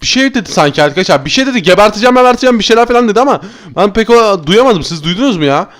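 A man doing Minecraft gameplay commentary as a YouTuber, excitable and chatty, talking to his viewers as friends. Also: high-pitched, rapid-fire, soft background music. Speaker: gaming YouTuber.

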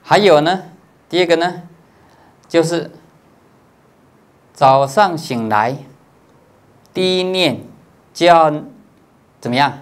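A man's smooth, fairly high voice carries a dharma lecture; he is a Buddhist monastic teacher who explains things patiently, often halting on elongated filler particles and confirming his listeners have understood.

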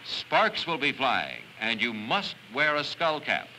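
A man giving steady step-by-step directions as the scripted narrator of an educational film. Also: medium pitch, slow pace. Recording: noisy old film soundtrack.

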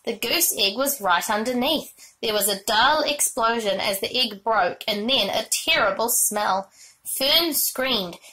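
A woman reading a children's book aloud with expressive storytelling. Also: on the high side, measured pace, poor audio. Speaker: reader.

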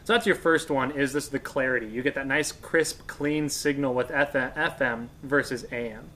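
An American man in his thirties, a guest radio expert and instructor, explains things casually from a couch in an indoor workshop room. His medium-pitched voice is steady, pushed, and bright, at normal speed, and he keeps it conversational.

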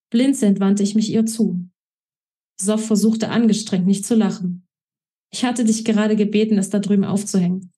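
Mellow-voiced woman reading her novel. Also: medium pitch. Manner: expressive first-person narration. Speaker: author.

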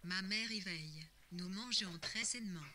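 Brief: audiobook character, woman reading a calm, dutiful young man, bright tone. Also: lowish voice, normal speed, slight background noise. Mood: polite.

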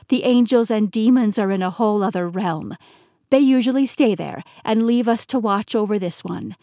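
Audiobook: measured, patient immortal keeper, woman reading, a touch high, dry close sound. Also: a little mellow, no room sound. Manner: measured, explanatory. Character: poised immortal woman keeper explaining history.

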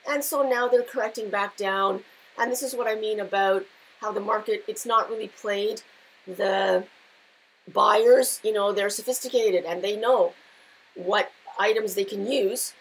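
A woman's voice: mid-range voice, steady tone, a little slow, poor audio. Growly middle-aged woman. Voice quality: growly, gravelly voice. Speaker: market analyst and host. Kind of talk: unscripted market commentary. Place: indoors, seated before a patterned backdrop.

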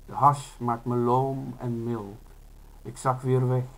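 Guy reading his own prose, first person, super slow and measured, mid pitch. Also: level tone, low-quality recording. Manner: slow, measured, unhurried delivery.

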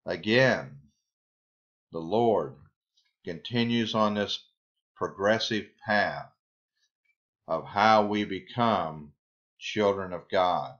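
A man giving a Bible study sermon, reading scripture aloud and then explaining it in a deliberate way. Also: low voice, fairly bright tone. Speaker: Bible teacher. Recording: slightly dull lo-fi recording.

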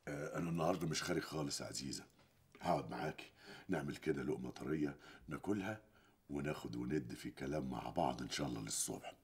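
Brief: a deep, husky Egyptian husband, flustered and defensive. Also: male voice, fast talker, exaggerated voice. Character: jumpy husband, defensive and evasive. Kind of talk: TV series acting.

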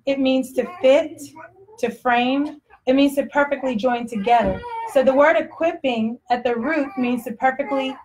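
A woman's voice: fairly high pitch, darkish tone, a little hiss or hum. A woman with a Texas accent preaching a sermon in a blunt, conversational way, often laughing. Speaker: pastor.

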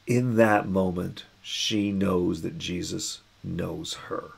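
Pastor type, a man with a gravelly, husky voice, talks through scripture in a relaxed, musing way. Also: low voice, slow pace. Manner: musing, conversational, acts out quoted voices. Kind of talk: reflective Bible reflection.

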